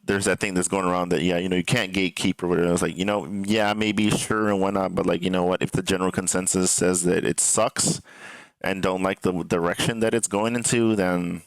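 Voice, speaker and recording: A man's voice: deep voice, level tone, a little fast, vocal fry, smooth, dry recording, low-quality recording. A man giving casual, rambling streamer commentary in a hesitant, repetitive way, with casual swearing. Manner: hesitant, repetitive, meandering delivery. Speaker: streamer reacting to gaming news.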